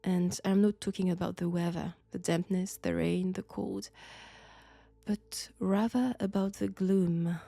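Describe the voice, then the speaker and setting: With vocal fry in a mid-range voice, a woman with a French accent acts out an occult professor possessed by an ancient entity, enigmatic and ominous. She speaks to the listener slowly and deliberately in hushed tones, slipping into whispers. No echo is present, and faint music plays in this audio roleplay.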